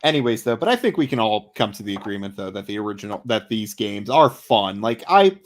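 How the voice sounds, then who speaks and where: Lively, rambling man hosting a podcast. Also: fairly low pitch, fast talker. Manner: rambling, jokey, steers the talk. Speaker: podcast host. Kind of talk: casual podcast chat.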